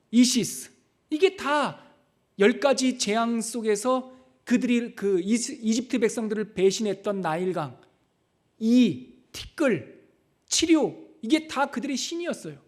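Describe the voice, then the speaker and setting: High-voiced Korean pastor preaching. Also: male voice. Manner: dramatic swings from loud preaching to hushed asides; leads congregation in reading scripture. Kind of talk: sermon.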